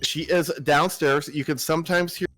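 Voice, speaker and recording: A man's voice: fairly high pitch, steady tone, moderate pace, a bit bright, soft background music. A male streamer chatting casually, telling an anecdote and quoting others as he explains. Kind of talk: casual livestream chat.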